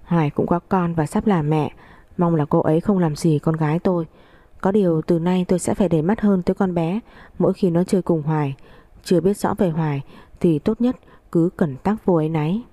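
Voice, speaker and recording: A woman narrating a family story in the first person with steady, reflective storytelling. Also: lowish voice, brisk, no room sound.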